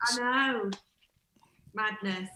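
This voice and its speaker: A woman guesting on a live podcast, soft-spoken and laughing easily. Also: mid-range voice, extremely slow, a little hiss or hum. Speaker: guest singer. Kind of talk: casual live-stream chat. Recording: roomy remote call.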